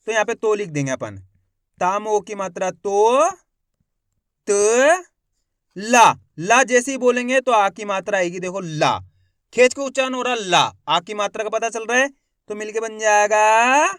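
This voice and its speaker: A man teaching a reading lesson. He sounds out each word slowly, syllable by syllable, and he asks the viewer questions and then answers them. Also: high-pitched, a bit bright, smooth, no echo, studio quality. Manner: slow, syllable by syllable, repeating words.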